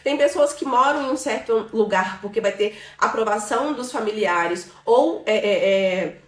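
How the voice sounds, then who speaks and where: This Brazilian financial mentor, a woman in her thirties, speaks at a moderate pace in a fairly high voice, picked up off-mic with a roomy sound. Leading an informal live lesson before an audience in the room, she chats freely, leaning on fillers and frequent "né?" and "tá bom?" check-ins.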